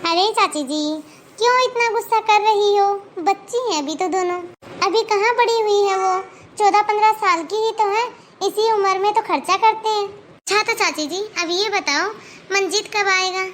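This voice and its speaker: A woman's voice: very high voice, moderate pace, a bit bright, a little hiss or hum. A woman voicing an earnest young married woman in a cartoon, talking with a reproachful tone. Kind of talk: Hindi cartoon voice acting.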